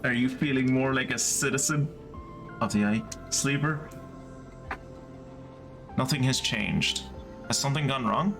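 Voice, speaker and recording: A man's voice: medium pitch, gravelly, music in the background. A man streaming a story game, chatting casually and reading the game's narration aloud. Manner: casual, thinks aloud, reads narration slowly.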